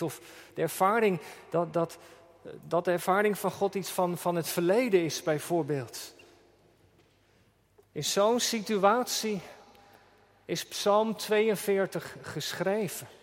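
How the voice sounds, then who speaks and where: A man preaching a sermon earnestly, slowing down when he quotes scripture. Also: high-pitched, in a large hall. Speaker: pastor.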